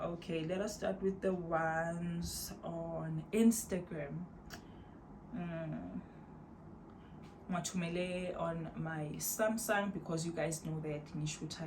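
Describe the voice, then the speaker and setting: Slow, low-voiced South African woman vlogger. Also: steady tone, background noise. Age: 30s. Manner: laid-back, rambling, warm addressing of viewers as "my loves". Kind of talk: casual chat to camera, mixing in Zulu phrases. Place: at home, indoors.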